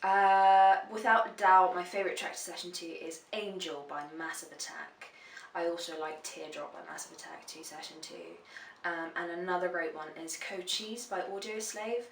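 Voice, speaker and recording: With a lowish, steady voice, moderate pace and vocal fry, a woman in her twenties swears freely while answering audience questions in a chatty vlog. A little hiss or hum, roomy echo and distance from the mic come through.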